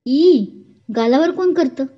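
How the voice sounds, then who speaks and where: A woman's voice: high-pitched, animated, takes it slowly, voice pushed up. A woman reading a storybook romance, voicing a playful young woman who coaxes and teases her lover. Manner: coaxing, teasing, childlike. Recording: dull lo-fi recording.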